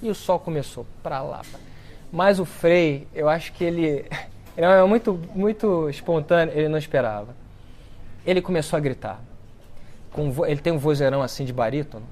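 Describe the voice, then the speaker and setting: A man giving a storytelling talk to an audience, acting out the quoted speech with lively shifts in his voice. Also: a little high, moderate pace. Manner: animated storyteller who acts out quoted speech. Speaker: speaker at a book launch talk. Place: lecture event before an audience.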